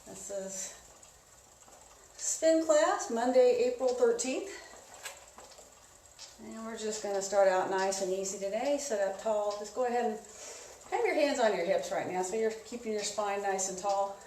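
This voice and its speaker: A woman instructing an indoor spin class in a casual, conversational coaching style, giving gently encouraging cues. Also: medium pitch, measured pace, long pauses. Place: indoors, echoey room. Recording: echoey room, distant mic, clear noise.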